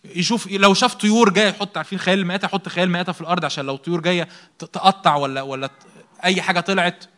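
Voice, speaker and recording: Young Egyptian preacher, bright and brisk, pounding points home with self-answered questions and repeated words. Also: male voice, sits high, fairly even intonation. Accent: Egyptian Arabic. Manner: rhetorical questions answered by himself, emphatic repetition. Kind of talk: sermon.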